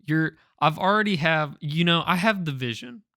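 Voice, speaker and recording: A young man co-hosting a podcast, trading jokes in quick casual banter. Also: a little high, no echo, studio quality. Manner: joking, lively, quick banter. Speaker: podcast co-host. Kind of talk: casual chat.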